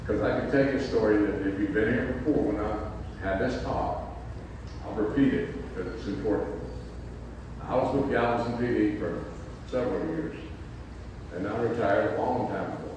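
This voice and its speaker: A man's voice: lowish voice, normal speed, long pauses. An older man giving an informal public address in a folksy, plain-spoken way, his voice echoing around a big hall. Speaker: county commissioner, guest speaker. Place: large echoing indoor meeting space. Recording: very echoey hall, distant mic, faint noise.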